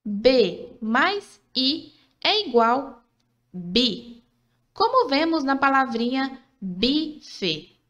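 A woman's voice: high voice, sing-song, a bit bright, muffled recording. A woman narrating a scripted literacy lesson for children, patient and encouraging, sounding out syllables one by one. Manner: slow, patient, syllable-by-syllable teaching; encouraging, asks questions then answers them.

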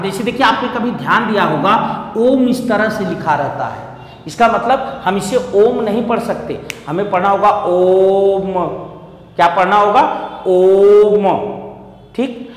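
A man teaching an online exam coaching class. He explains step by step, repeats memory rhymes and asks his students questions. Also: high-pitched. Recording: echoey classroom reverb.

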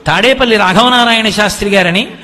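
A man with a high, pushed, bright voice tells a devotional story at a brisk pace, with long hall reverb around him. As a religious storyteller, he speaks earnestly and addresses his listeners directly.

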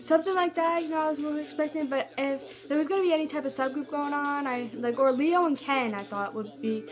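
An excitable woman chatting through a reaction video, her voice high and bright. She rambles with fillers, and a loud music video plays behind her. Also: a little fast. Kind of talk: casual reaction commentary.

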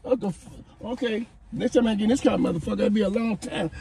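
Recorded by a phone on the dashboard in a parked car, this older man is the passenger uncle in a casual argument. He stammers, repeats himself and swears a lot. His voice is high-pitched and creaky at a quick pace, with background noise present.

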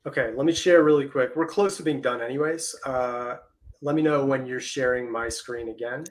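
Man, mid-pitched voice, explanatory, livestream market analysis, video call mic. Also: normal speed. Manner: explanatory, walks through charts on screen.

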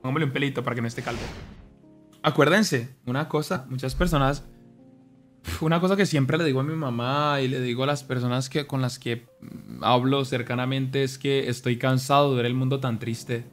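A young man streaming, talking earnestly to his chat in an animated, preachy way. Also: mid-range voice, a little fast. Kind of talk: casual monologue to stream chat. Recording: faint music behind.

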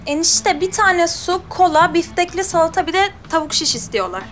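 An actress playing a calm, polite young woman who speaks English. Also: very high-pitched, moderate pace, soft background music. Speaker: sister-in-law.

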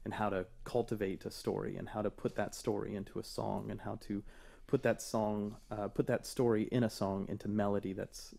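Man, 30s, low voice with vocal fry, animated and self-deprecating, radio guest. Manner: animated, self-deprecating, many fillers and restarts. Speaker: guest singer-songwriter. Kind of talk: radio interview. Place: radio studio.

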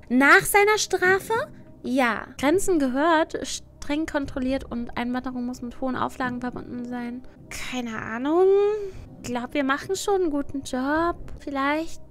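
A woman chatting casually on a livestream with a cute, animated anime-streamer delivery, switching between reading aloud and giving her own take. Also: high voice. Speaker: livestreamer, VTuber host. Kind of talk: casual livestream chat, reading out and answering quiz questions.

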